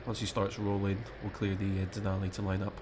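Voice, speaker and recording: A man's voice: sits low, monotone, fast talker. A man playing an air traffic control game, thinking aloud as commentary and giving clipped, formulaic radio calls.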